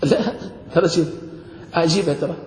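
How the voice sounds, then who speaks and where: High-voiced grammar teacher in echoey hall. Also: male voice, lively intonation, quick pace, darkish tone. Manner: quizzing students with frequent questions. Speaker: sheikh teaching Arabic grammar. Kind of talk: classroom grammar lesson.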